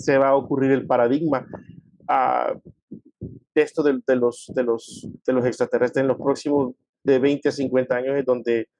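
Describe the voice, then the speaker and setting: A man explaining his views in a conversational discussion, acting out quoted people with lively voices. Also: mid-range voice, no room sound. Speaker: guest speaking on theology.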